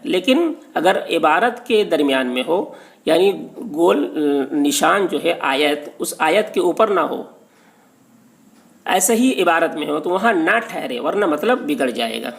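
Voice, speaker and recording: Gravelly-voiced man teaching patiently. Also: fairly high pitch. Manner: patient and repetitive, often checks with "okay". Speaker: religious teacher. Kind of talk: lesson on Quran recitation stop marks.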